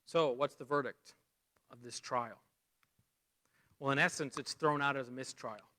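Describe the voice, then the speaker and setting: A man preaching a lesson, animated, rising loud for emphasis and dropping low and quiet for key points. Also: a little slow. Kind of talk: sermon lesson.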